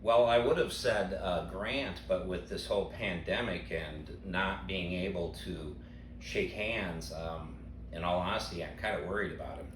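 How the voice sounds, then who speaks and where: An older man, a retiring teacher, giving deadpan sarcastic answers in an interview. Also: low-pitched, measured pace. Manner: dry deadpan humor. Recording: roomy sound, mic at a distance, background noise.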